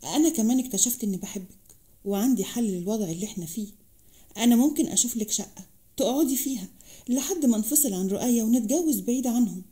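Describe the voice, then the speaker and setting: A woman's voice: on the high side, expressive, fast, warm tone, breathy edge. A woman reading the lines of a young man in a story, with an Egyptian accent, in her own voice. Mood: hushed, pleading. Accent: Egyptian Arabic. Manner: read in the narrator's own voice. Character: young man, apologetic then pleading.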